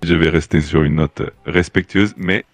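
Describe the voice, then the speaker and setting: AI assistant voice, male, calm, evasive, husky, very low. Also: moderate pace, no room sound, soft background music. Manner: calm, overly polite, evasive, with hesitant "euh". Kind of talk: polite assistant replies.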